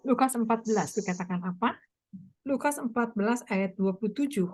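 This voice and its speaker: Woman preacher, hoarse, lively sermon voice, fairly high, keeps asking the crowd questions. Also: fairly quick. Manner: animated storytelling, frequent rhetorical questions. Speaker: evangelist preacher. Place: online meeting.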